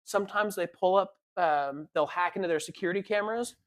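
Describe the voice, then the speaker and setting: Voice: medium pitch, brisk. A podcast co-host in casual chat, telling long rambling stories and slipping into quoted voices.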